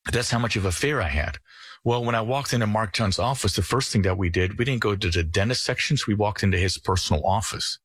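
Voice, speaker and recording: A middle-aged man from the Netherlands, a financial advisor talking earnestly on a radio show in a folksy sales-pitch manner. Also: a little fast, fairly bright tone, breathy edge, no room sound.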